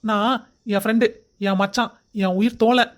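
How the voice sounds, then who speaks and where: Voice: medium pitch, fairly even intonation, normal speed, close to an everyday voice. Voice actor doing a joking young college guy. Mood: playful. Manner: teasing, laughing, jokey. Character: playful joking young man student.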